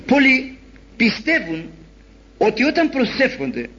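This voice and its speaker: A man preaching a sermon in an animated storytelling way, acting out the voices he quotes. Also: extremely high pitch, slightly rough. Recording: dull lo-fi recording.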